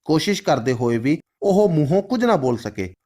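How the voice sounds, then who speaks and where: A man reading a novel aloud in scripted narration, steady and unhurried. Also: fairly high pitch. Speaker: novel reader.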